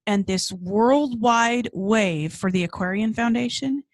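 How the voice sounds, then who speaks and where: A woman co-hosting a podcast, telling a story in casual chat with lively rises and frequent restarts. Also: a little high, slow pace, dry recording. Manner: storytelling, animated, restarts often. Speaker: podcast co-host.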